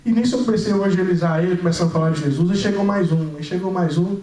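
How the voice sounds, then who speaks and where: Young male preacher, quick and high-pitched, animated testimony, echoey church sound from a distance. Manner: animated storytelling, acting out dialogue. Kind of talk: sermon with personal testimony.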